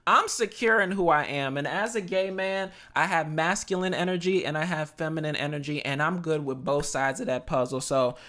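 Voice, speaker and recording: Man, 30s, high voice, sassy, animated, casual podcast host. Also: moderate pace, few pauses. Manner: animated, sassy, with playful exclamations.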